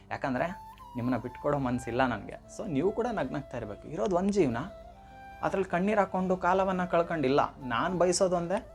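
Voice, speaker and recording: A man's voice: on the high side, creaky. A man giving an earnest motivational talk straight to his listeners, stressing and repeating his key phrases. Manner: earnest, direct address to listeners. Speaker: motivational speaker. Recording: faint background music.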